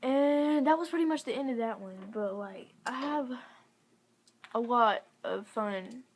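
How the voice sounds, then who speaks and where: A young woman vlogger tells a story to camera, chatty and giggly, with plenty of "like" fillers. Her voice is fairly high and her pace measured.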